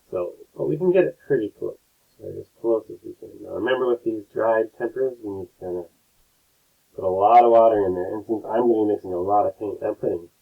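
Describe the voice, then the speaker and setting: "Right?" is his constant check-in as this art teacher, low and gravelly in voice, demonstrates painting in an easygoing, stepwise way. The sound quality is poor: a thin, tinny stream resembling a phone connection.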